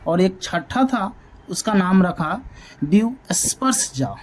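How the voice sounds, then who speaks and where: A man's voice: sits high, animated, moderate pace, a little mellow, slight background noise. Man teaching, quizzing himself aloud. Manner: drills points by asking and answering his own questions. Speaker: math teacher. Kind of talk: classroom lecture.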